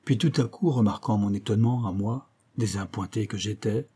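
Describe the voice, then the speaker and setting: Man reading a classic tale, mellow voice. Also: lowish voice, slightly rough. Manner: measured, expressive storytelling. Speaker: narrator. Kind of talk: literary audiobook reading.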